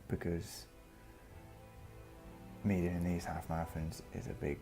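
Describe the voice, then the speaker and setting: Deep, gravelly man telling his story. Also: completely flat delivery, slow pace, rough recording. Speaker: vlogger. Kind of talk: personal vlog monologue, reflective storytelling. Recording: music behind the voice.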